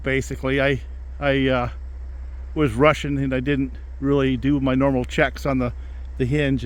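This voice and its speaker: A man's voice: on the high side, a bit bright. A man talking casually to camera as a working logger, in a folksy, plain-spoken way, outdoors in the woods. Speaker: logger presenting a video about his work. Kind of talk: casual vlog talk.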